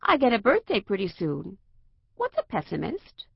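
A woman's voice: mid-range voice, huge pitch swings, normal speed, creaky, breathy edge, dry recording, highs cut off, heavily acted. A woman voicing an earnest, matter-of-fact seven-year-old boy.

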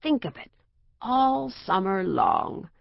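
A woman's voice: mid-range voice, huge pitch swings, takes it slowly, creaky, no echo, dull audio, full character voice. A woman voicing a cheerful, enthusiastic boy who teases his siblings. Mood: eager teasing. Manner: enthusiastic, teasing. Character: eager, cheerful boy, older brother.

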